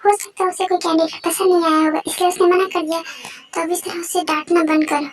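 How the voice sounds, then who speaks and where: Sharp, protective mother who scolds her husband, very high voice, as a reader puts her on in a fan dub. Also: level tone, quick pace, soft background music.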